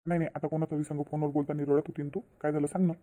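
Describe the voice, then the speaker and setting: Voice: medium pitch, level tone, rapid-fire, dark tone, lightly acted. A voice actor playing a kind, trusting husband in a cartoon, soothing and reassuring his wife. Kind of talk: cartoon voice acting.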